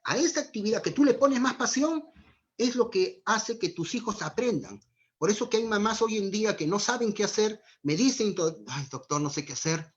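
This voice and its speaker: A man's voice: high-pitched, lively intonation, moderate pace. Earnest man lecturing parents. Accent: Peruvian Spanish. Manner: earnest, addresses parents directly with rhetorical questions. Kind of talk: virtual parenting talk. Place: home during lockdown. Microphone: video call. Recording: dull lo-fi stream audio.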